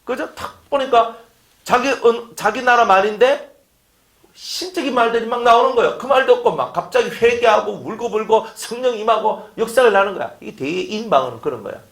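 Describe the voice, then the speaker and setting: A man's voice: high-pitched, animated, brisk, vocal fry, fairly bright tone. A man preaching a sermon, firing off rhetorical questions and acting out quotes. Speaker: pastor. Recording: echoey room.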